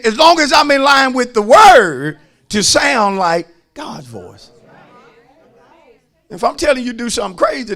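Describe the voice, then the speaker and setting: Preaching a fervent sermon, an American pastor uses a high, raspy, gravelly voice with a forceful edge. He speaks slowly and emphatically, full of folksy repetition, and veers widely from hushed asides to full-throated shouts.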